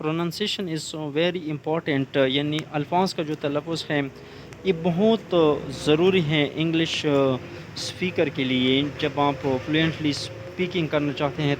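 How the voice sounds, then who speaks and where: Man, English teacher, explanatory lesson, repeats slow English phrases. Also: medium pitch, slight background noise. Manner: repeats points in Urdu and slow English examples. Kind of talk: explaining English tips in Urdu.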